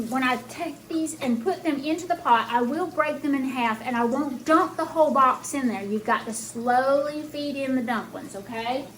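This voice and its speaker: A woman's voice: high-pitched, noisy background. A woman chats casually through a cooking demonstration, her speech slightly impeded by new dental braces, in a folksy step-by-step way. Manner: chatty, folksy, narrating each step as she works. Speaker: home cook hosting a cooking vlog. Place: home kitchen while cooking.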